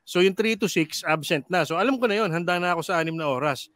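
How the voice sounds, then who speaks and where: A middle-aged man in a casual studio chat, a radio DJ by trade. His voice sits a little high, and he jokes and rambles, switching between languages and leaning on fillers. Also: quick pace, a bit bright, slight background noise. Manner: joking, rambling Taglish with many fillers. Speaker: radio DJ guest.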